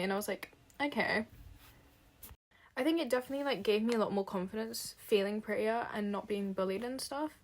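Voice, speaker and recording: A young woman talks through advice in a loose, conversational vlog. She is blunt and open, peppering her speech with "like" and the odd swear word. Her tone stays casual and unpolished throughout. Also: medium pitch. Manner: frank and chatty, lots of "like" fillers and swearing. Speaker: vlogger giving advice.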